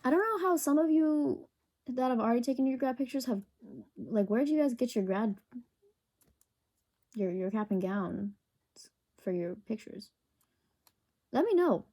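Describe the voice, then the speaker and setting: A woman's voice: a little high, normal speed, pauses often, mellow. A young woman hosting a casual solo podcast into a sensitive desk microphone, rambling and self-conscious, full of fillers. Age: young adult. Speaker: podcast host.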